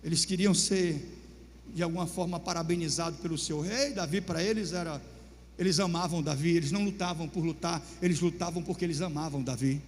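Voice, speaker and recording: A pastor preaching, retelling a story dramatically with loud shouted bursts. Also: male voice, a little high, brisk. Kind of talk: sermon storytelling. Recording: long reverb, faint hum.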